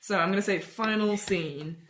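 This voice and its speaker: A woman's voice: mid-range voice, normal speed. A woman running a tabletop role-playing game as game master, narrating with laughter and energy. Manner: animated, laughing storyteller. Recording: roomy echo, faint noise.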